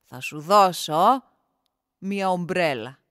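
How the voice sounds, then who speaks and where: A woman's voice: on the low side, lively intonation, fairly bright tone, no room sound, clean studio sound, voice pushed down. A woman voicing a kindly, grateful old male gardener in a storybook tale, speaking heartily and with emphasis.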